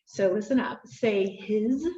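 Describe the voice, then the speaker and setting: A woman's voice: medium pitch, slow pace, warm tone, lo-fi sound. Patient woman tutor in a roomy room. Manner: patient, gives short drill prompts. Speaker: reading tutor. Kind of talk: one-on-one phonics lesson.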